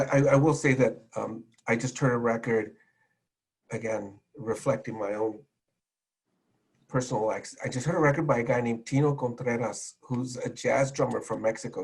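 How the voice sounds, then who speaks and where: A man talks in a relaxed, chatty way as a music journalist, with a mid-range voice. He is self-deprecating and often stumbles and restarts his sentences. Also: mid-range voice. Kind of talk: panel discussion.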